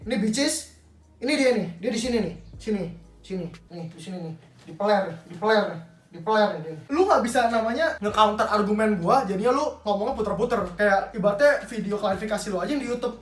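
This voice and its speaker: A man's voice: sits high, far from the mic. A young man with Jakarta slang, ranting angrily and swearing a lot in a commentary vlog. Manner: angry, profane, rapid ranting. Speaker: YouTuber. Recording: roomy echo, slightly off-mic.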